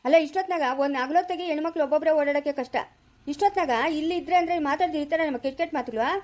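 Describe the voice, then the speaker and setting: A woman with a Chikkaballapur Kannada accent, acting in a homemade village drama. Her voice is high and she talks fast. She scolds and dismisses the people around her. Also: a little mellow. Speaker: actor in a village family drama.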